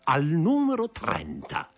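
A man reading aloud voices a crafty, greedy older man who stammers and whines with fawning, tearful flattery. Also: medium pitch, measured pace, husky, faint music behind, voice pushed up, exaggerated voice.

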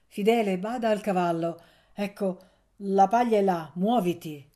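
A woman voicing an anxious old grandmother who speaks in a hushed, secretive way. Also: mid-range voice, animated, moderate pace, voice pushed up, natural voice. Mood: impatient.

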